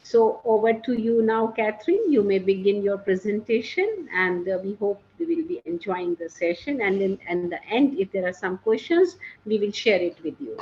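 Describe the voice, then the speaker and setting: A woman's voice: mid-range voice, expressive, moderate pace, few pauses, darkish tone. A woman host giving a formal introduction of a guest speaker, reading from prepared notes. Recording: dull, muffled sound.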